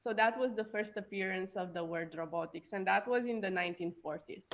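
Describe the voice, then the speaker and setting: A woman's voice: medium pitch, brisk. A woman from Romania, a robotics professor, answering interview questions casually with many fillers and hesitations.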